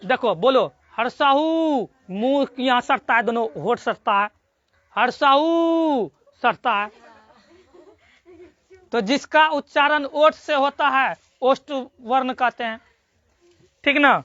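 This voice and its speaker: A teacher giving a classroom grammar lesson, drilling students with repeated questions and slowly sounding out syllables. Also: sits high, bright, forceful tone, no room sound. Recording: dull lo-fi recording.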